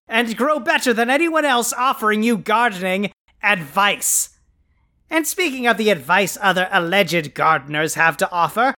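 A performer playing a boastful male supervillain who hosts a podcast, delivering grandiose, insulting proclamations with a quick temper. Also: medium pitch, bright, forceful tone. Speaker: podcast host. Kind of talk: comic scripted podcast.

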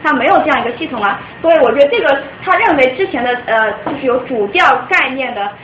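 A woman's voice: sits high, animated, quick pace, fairly bright tone. A young woman from China explaining music theory to a small group in an informal lecture, patient and restarting her sentences often. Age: young adult. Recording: echoey room, dull lo-fi sound, faint noise.

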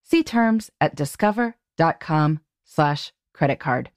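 A woman's voice: low voice, lively intonation, slow, no room sound, clean studio sound. A woman announcer reading a scripted advertisement. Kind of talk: scripted ad read.

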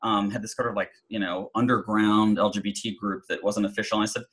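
A man's voice: on the low side, little pitch movement, quick pace, fairly bright tone, poor audio. A middle-aged man telling a personal story in an interview, chatty, with many fillers and restarts. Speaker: guest.

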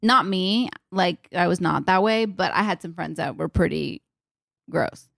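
A woman co-hosting a podcast, talking in relaxed, casual asides. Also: on the low side, unhurried, creaky, dry recording, clean studio sound. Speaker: podcast co-host. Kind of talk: casual chat.

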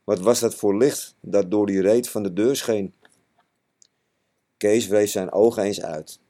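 A man narrating a children's storybook in a measured, expressive way. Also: fairly low pitch. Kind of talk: storybook reading.

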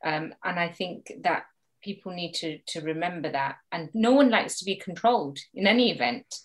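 A woman's voice: fairly low pitch, moderate pace. A woman mediator, a guest in a conversational interview, talking animatedly and acting out the voices she quotes.

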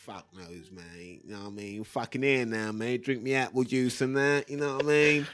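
A man's voice: medium pitch, fairly even intonation, normal speed, fairly bright tone, natural voice. A man voicing a foul-mouthed older East End boxing geezer with a Cockney accent, blunt and mocking, in a comic podcast rant. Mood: blunt, boastful. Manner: blunt, mocking, sweary banter.

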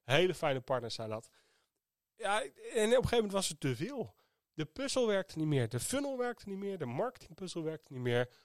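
A man's voice: sits high, sing-song, fairly quick, no echo, studio quality. A man hosting a podcast, telling a personal story in an earnest, reflective way. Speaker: podcast host.

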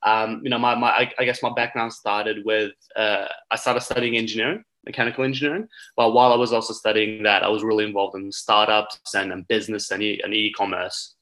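A young man from Turkey, a marketing guest on a podcast, talking in a relaxed way with lots of uh and you know. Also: lowish voice, brisk, low-quality recording. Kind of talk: casual interview.

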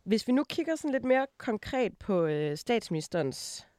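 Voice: mid-range voice, big pitch swings, darkish tone, no room sound. An interviewer from West Jutland asking probing questions with some hesitation. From West Jutland, Denmark. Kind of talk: conversational interview.

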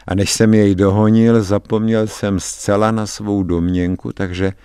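A man narrating a dark first-person story in a tense, measured dramatic radio reading. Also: deep voice, clear, resonant tone, dry recording, studio quality.

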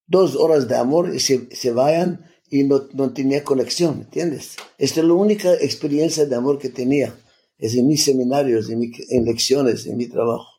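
Older man telling his story, halting. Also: medium pitch, warm tone. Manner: halting, restarts often, salty slang. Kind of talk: personal storytelling, casual.

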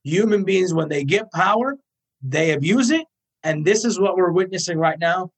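A man's voice: sits high, lively intonation, normal speed, husky. Emphatic man from Iraq. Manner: earnest, emphatic, repeats points in lists. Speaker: guest. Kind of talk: impassioned interview answers.

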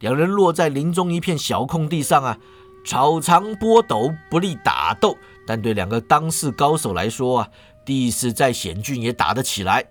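A man reading a martial-arts novel aloud in an animated storytelling style, stretching phrase endings. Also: medium pitch, normal speed, faint music behind.

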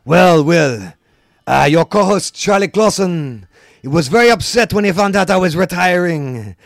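A man's voice: sits high, animated, unhurried, vocal fry, dry recording, studio quality, faint music behind, exaggerated voice. A man doing a drunk, pompous Frenchman. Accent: put-on French. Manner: pompous, tipsy, rambling, bursts of shouting. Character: drunk boastful Frenchman, retired footballer. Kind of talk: comedic podcast bit.

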